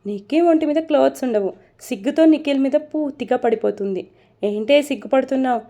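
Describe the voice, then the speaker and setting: A woman narrating a romance story from a script in a steady, even reading voice. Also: high voice, brisk.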